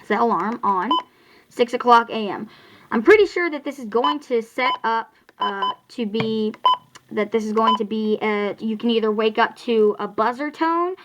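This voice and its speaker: Speaking at a medium pitch, this American presents a hands-on product tutorial and review in a relaxed, stop-and-start way, correcting mistakes along the way. It was recorded inside a home, and background noise can be heard.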